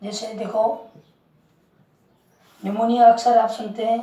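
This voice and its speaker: A woman's voice: a little high, measured pace, mellow. A woman teaching English word pronunciation as a lesson, repeating words and asking the class questions. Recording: roomy, distant mic.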